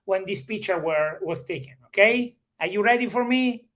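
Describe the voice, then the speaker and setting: An interviewer asking short, brisk questions and cutting in with quick prompts. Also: medium pitch, fairly bright tone.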